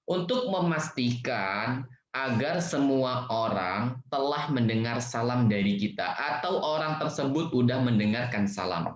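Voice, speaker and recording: A man with an Indonesian accent, teaching an online lesson for children in a playful, lively way, acting out loud and soft greetings. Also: mid-range voice. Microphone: video call. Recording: roomy, dull video-call audio.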